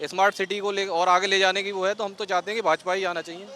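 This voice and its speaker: A man's voice: high voice, level tone, quick pace, sharp tone. A man being interviewed on a city street, speaking earnestly and rambling with many fillers.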